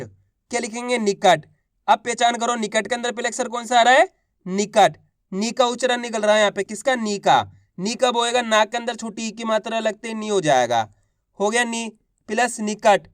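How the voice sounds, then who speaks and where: A man teaching children to spell, sounding out each syllable slowly, asking questions and answering them himself, and calling viewers friends. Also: high voice, no room sound, studio quality. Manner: drawn-out syllables, asks then answers himself; patient, repetitive, addresses viewers as friends. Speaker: Hindi writing teacher. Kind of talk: step-by-step spelling lesson.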